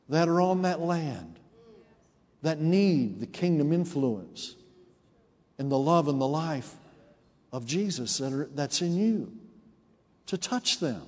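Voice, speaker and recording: High-voiced preacher man in a reverberant hall. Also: a little mellow. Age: 40s. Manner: call-and-response preaching, rising to emphatic peaks. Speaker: pastor. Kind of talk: sermon.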